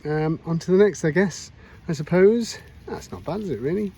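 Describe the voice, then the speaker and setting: A man chatting casually to camera as he metal detects in a pasture field, self-deprecating and quick to exclaim. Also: on the high side, animated, warm tone, slightly rough. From United Kingdom. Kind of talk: casual self-filmed commentary. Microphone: chest cam or handheld camera.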